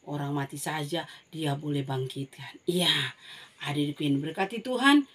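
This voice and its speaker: A woman telling a Bible story to children in an animated way, often calling out to them as she goes. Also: sits low, normal speed, husky. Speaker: Sunday school teacher.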